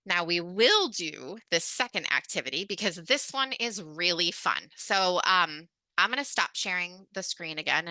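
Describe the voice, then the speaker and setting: A woman's voice: on the low side, pushed and bright, no echo. A woman leading a webinar on communication skills, talking in a chatty, informal way with lots of "um" and "like". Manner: chatty and informal, heavy on fillers like "um" and "like". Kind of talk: casual webinar instruction.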